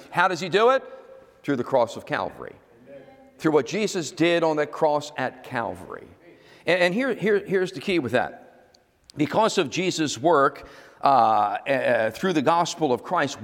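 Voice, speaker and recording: A male pastor preaches to his congregation, explaining a word slowly and then repeating it. He checks that his listeners follow and asks them to say it back to him. His voice sits a little high and carries a long hall reverb. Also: a bit bright. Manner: teaching, repeats key words, asks the congregation to respond. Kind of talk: sermon.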